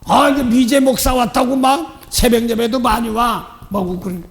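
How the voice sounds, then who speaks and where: High-voiced pastor, animated storytelling. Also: male voice, normal speed, echoey room. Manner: self-deprecating, laughs often. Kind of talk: dawn service sermon. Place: church sanctuary.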